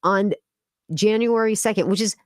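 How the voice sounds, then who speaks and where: A woman's voice: medium pitch, moderate pace, no echo, studio quality. A woman hosting a crypto live stream, talking casually and with indignant sarcasm, full of fillers like "like" and "you know". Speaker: crypto channel host.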